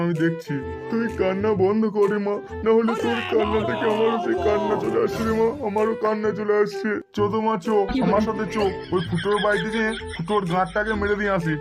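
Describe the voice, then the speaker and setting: A man's voice: high voice, natural voice. A brash cartoon father with a slightly raised voice boasts and hurls foul-mouthed threats, as a man puts him on. Music runs behind him throughout. It sounds like a homemade cartoon dub. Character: hot-tempered cartoon father, crude and loud.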